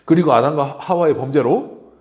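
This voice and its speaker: A man's voice: fairly high pitch, darkish tone, reverberant. A man preaching to children in church, asking questions and acting out short asides. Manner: asks the children questions and acts out the snake and Eve in quick asides. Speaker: children's pastor. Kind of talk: children's sermon. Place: church worship room.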